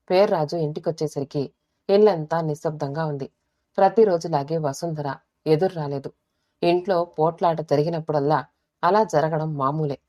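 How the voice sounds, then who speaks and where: A woman reads a family drama aloud in a steady audiobook manner. Her voice sits on the low side. She lightly voices the quoted characters without stepping out of the narration. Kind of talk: scripted narration of a family story.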